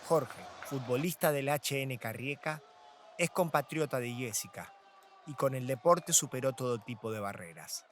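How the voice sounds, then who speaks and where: A man narrating a travel documentary in a measured, scripted voice. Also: medium pitch, animated, a faint crowd, a little hiss or hum. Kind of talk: documentary voice-over.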